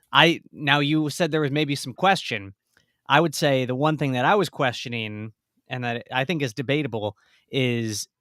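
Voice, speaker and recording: A man's voice: medium pitch, a bit bright, clean tone, no room sound, clean studio sound. A man co-hosting a podcast in casual discussion, thinking aloud in a tentative way. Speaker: podcast co-host and guest.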